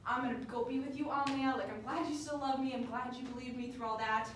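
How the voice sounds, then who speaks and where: A woman's voice: high voice, steady tone, fast, slight background noise, natural voice. A woman casually voicing a rash, dramatic young male robber leader in her own offhand manner. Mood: earnest. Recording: echoey room, distant mic.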